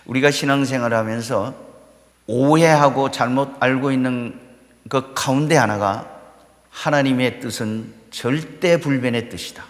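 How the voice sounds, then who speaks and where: A man preaching a sermon as pastor of his church, building to fervent peaks and dropping low between them. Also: measured pace. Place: church sanctuary. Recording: echoey church hall reverb.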